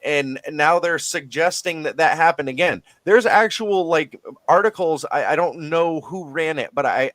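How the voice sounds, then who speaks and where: A man's voice: on the high side, fairly bright tone, no echo. A man co-hosting a heated political talk show, rambling and swearing, repeating words as he goes. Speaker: co-host. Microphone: call line cutting in and out.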